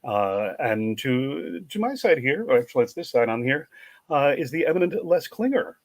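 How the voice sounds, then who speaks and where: A man's voice: mid-range voice, very animated, moderate pace, no room sound. A man introducing himself as an author on a panel, hesitant with many fillers.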